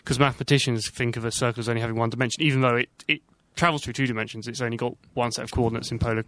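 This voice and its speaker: A man co-hosting a comedy podcast, joking quickly with nerdy asides. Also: medium pitch, fairly even intonation, fairly bright tone. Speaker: co-host.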